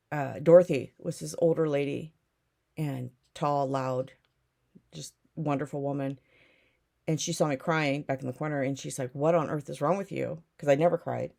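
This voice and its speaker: Brief: low-pitched woman, rambling memoir storyteller who keeps circling back to her point. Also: creaky, mellow. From Newton, Iowa, USA. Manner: rambling, reflective, often drifting back with "anyway". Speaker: storyteller recounting her life. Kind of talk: casual personal memoir storytelling.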